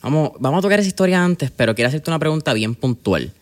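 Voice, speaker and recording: A man's voice: on the high side, animated, fast. Upbeat podcast host man. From Puerto Rico. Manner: upbeat, slangy, mixes in English. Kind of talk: hosting an interview.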